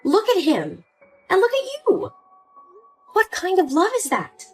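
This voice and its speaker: A woman's voice: fairly high pitch, very animated, unhurried. A woman voicing an emotional young daughter pleading with her mother in a story drama, with faint music behind. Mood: upset.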